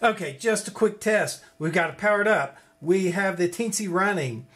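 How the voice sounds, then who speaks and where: A high-voiced man with a fairly bright tone and moderate pace leads a hands-on electronics tutorial from his indoor workbench, narrating the build casually and thinking through it aloud.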